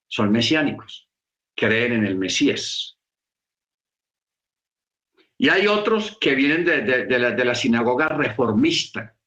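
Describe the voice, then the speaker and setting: Slow, emphatic man preaching. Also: medium pitch, fairly bright tone, echoey room. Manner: slow, repetitive, emphatic explaining. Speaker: teacher of a messianic congregation. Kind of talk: sermon teaching.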